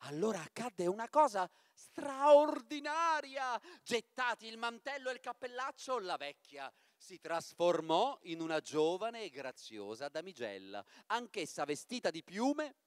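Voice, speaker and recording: An actor reading a fairy tale aloud in a church, dramatic and expressive. His voice sits high and moves in wide, lively swings. The sound is dry and close. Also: unhurried, few pauses, clean tone, no room sound.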